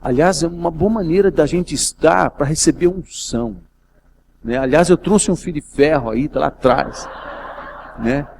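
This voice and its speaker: A man's voice: fairly high pitch, moderate pace, gravelly, darkish tone, slight background noise. A man from Brazil preaching a sermon as a pastor, telling a personal story and rising to emotional intensity. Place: event hall.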